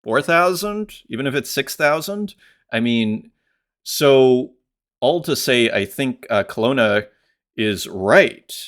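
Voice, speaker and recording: A man's voice: mid-range voice, expressive, takes it slowly, fairly bright tone. A man hosting a solo podcast, talking casually with many fillers and restarts, reading out comments and reacting to them. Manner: reads comments aloud and reacts. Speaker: podcast host.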